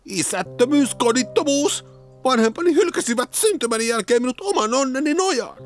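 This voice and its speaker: A woman's voice: high-pitched, expressive, soft background music. A woman voicing a confused, self-pitying lizard abandoned by its parents. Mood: whiny bewildered. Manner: whiny, bewildered.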